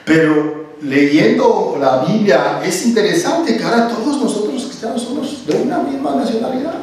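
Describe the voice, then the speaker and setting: A man leads a church Bible study, explaining in an animated, self-correcting way. His voice sits at an ordinary pitch and is picked up from a distance in a very echoey room. Faint background noise hangs under the talk. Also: normal speed.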